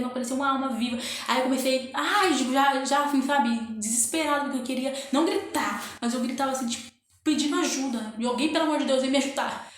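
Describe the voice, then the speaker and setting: A woman with a high voice recounts her story in a casual, emotional way, circling back over the same words and calling out to her viewers. The recording is full of room echo. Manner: emotional, repeats phrases, often addresses listeners as "gente". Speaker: new mother telling her birth story. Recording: very echoey room.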